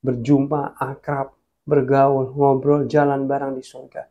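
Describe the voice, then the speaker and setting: A man preaching a sermon, telling a personal testimony in an earnest way and often dropping to a hushed voice. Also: mid-range voice, completely flat delivery, a little slow, dull audio. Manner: earnest, addresses listeners as guys, drops to hushed tones.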